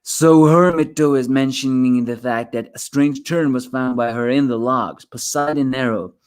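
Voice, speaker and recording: A man's voice: mid-range voice, darkish tone. A man giving a rambling solo review of a manga chapter, sleepy and yawning, often restarting his words.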